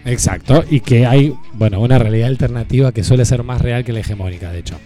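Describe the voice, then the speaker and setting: A man's voice: medium pitch, fast talker, warm tone, soft background music. A man hosting a casual community radio show, joking and blunt, with an Argentine accent. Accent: Argentine Spanish.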